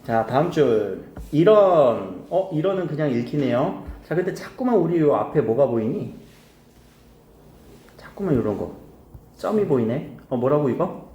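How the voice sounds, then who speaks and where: Male grammar teacher, casual, keeps quizzing the class, animated pitch, roomy echo. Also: slight background noise. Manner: casual, quizzing students with quick questions. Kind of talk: recorded lecture to high school students. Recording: echoey room.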